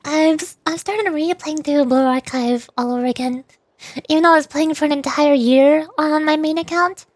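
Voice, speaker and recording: Livestreaming a video game, this woman, a VTuber streamer, chats casually and thinks out loud as she plays. Her voice sits high, there's no echo, and faint game music runs in the background.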